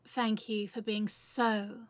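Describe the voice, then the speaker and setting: A woman playing a seductive, commanding bank robber in an intimate ASMR role-play, with breathy, sultry pillow talk and lingering pauses. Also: mid-range voice, flat delivery, no echo, lightly acted. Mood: teasing, commanding.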